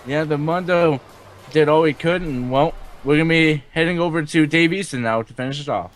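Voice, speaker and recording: A man working as a wrestling commentator, giving excited play-by-play and drawing out his calls of big moves. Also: a little high, brisk, slight background noise.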